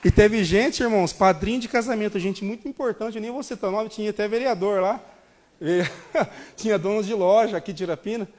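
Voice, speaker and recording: A Brazilian man in his thirties preaching a sermon, telling a personal story in an animated way and calling the congregation brothers. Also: high voice, fairly quick. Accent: Brazilian Portuguese. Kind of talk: sermon testimony.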